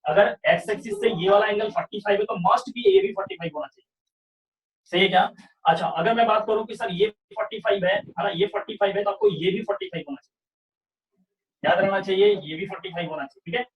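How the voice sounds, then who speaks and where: High-voiced maths teacher, echoey room. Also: male voice, very animated, quick pace, distant mic, dull audio. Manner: explains step by step, often asks "sahi hai kya?". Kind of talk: online revision class lecture.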